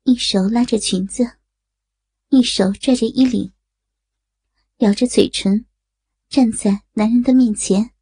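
Brief: woman narrator, slow and breathy, mellow husky tone, dry close sound. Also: fairly high pitch, fairly even intonation, no room sound. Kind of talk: erotic audio story reading.

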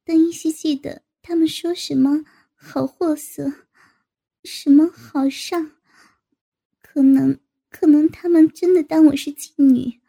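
Woman voicing a shy, halting young woman. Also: sits high, fairly even intonation, creaky, exaggerated voice. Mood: hesitant. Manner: hesitant, halting, soft-spoken. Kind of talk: adult audio story reading.

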